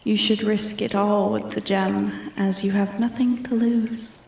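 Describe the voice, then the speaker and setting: In a roleplay ASMR, a woman plays an ancient, arrogant female dragon in a scripted dramatic monologue, haughty and taunting, her voice often sinking toward a whisper. Her medium-pitched, darkish, creaky voice has little pitch movement and a slightly slow pace, with a haughty, mocking mood. She sounds distant from the mic in an echoey recording.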